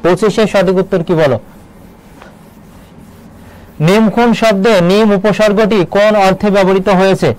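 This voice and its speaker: A man teaching an online admission-test prep lesson, explaining step by step and firing quick questions at his students. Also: high voice, fairly even intonation, darkish tone, low-quality recording.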